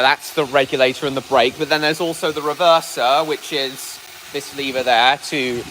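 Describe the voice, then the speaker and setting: A man's voice: medium pitch, rough recording. A man doing a casual live stream outdoors, raising his voice and often repeating himself as he goes. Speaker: livestreamer, train enthusiast. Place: outdoors at a heritage railway engine. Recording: loud engine noise behind voice. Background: steam engine noise.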